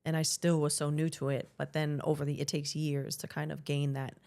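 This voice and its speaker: A woman's voice: deep voice, flat delivery, fairly quick, vocal fry, a little mellow. A middle-aged woman with a Boston accent, a guest chatting casually in an interview, rambling with many fillers and restarts. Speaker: podcast guest, hairstylist and CrossFit coach.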